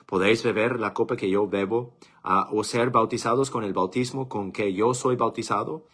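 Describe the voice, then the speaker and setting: A man's voice: lowish voice, fairly even intonation, moderate pace, fairly bright tone, slightly rough. A man reading as a solemn male teacher. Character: calm male teacher giving solemn instructions.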